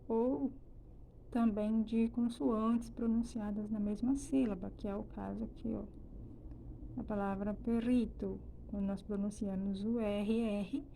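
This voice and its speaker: A Brazilian woman teaches a recorded lesson in a warm, mellow voice pitched a little high. She talks her points through patiently, looping back with small restarts and checking in with her students. A faint hiss sits under the recording. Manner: explains slowly, with frequent "né?" and "então" restarts. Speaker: Spanish teacher.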